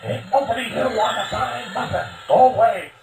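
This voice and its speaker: A suspicious, cantankerous old woman for a video game. The old hag speaks high, in a curt country way with rough grammar. The sound is echoey and set back from the mic. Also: moderate pace, distant mic, noisy background. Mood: hostile, defensive. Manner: curt, folksy, ungrammatical drawl. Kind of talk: video game character acting.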